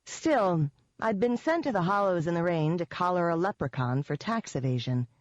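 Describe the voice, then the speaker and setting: A woman's voice: fairly low pitch, expressive, moderate pace, no room sound. A woman narrating a first-person audiobook in a wry, sardonic manner. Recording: dull, dry audiobook recording.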